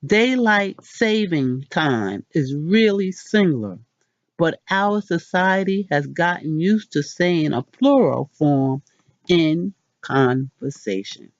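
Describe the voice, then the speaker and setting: A woman hosting a casual pronunciation lesson, chatty and self-deprecating, repeating words slowly. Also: on the low side, expressive, no echo, highs cut off. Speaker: channel host.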